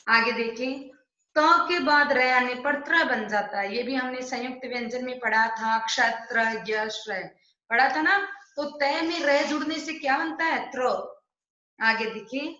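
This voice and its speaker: A woman teacher with a slightly high voice talks slowly and patiently, explaining each step and asking her pupils questions. Her voice rings with heavy echo in a bare room. The sound is dull and muffled, like a home recording. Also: pushed and bright. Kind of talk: online Hindi grammar lesson.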